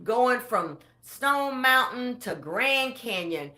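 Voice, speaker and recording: A middle-aged woman coaching listeners on their spending, with a fairly high voice. Her tone is bright and forceful, preachy and exuberant. She swings from hushed tones to loud cheers. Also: lively intonation, takes it slowly. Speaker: budget coach. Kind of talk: motivational coaching talk.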